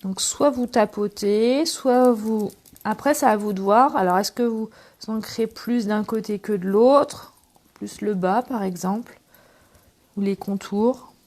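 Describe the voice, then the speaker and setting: A woman from France hosting a relaxed craft tutorial, talking casually through each step with many fillers. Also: medium pitch, a little slow. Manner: chatty, relaxed, thinks aloud with fillers. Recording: faint background noise and clicks.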